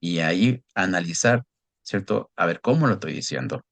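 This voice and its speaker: A man with a low, deep voice gives an explanatory seminar talk, measured and patient, often pausing to check in with his listeners. The sound is dry and close, with almost no room echo. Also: expressive, gravelly. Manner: measured, frequent tag questions. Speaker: seminar presenter.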